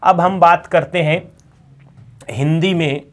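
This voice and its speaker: A man teaching an exam-prep class, dictating phrases slowly while writing on a board and repeating them, then answering his own questions. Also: fairly high pitch, steady tone.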